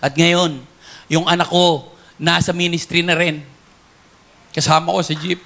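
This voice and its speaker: A man's voice: fairly high pitch, level tone, measured pace, vocal fry, pushed and bright. A middle-aged man, a former comedy actor, telling his personal faith testimony in an earnest, emotional, conversational way.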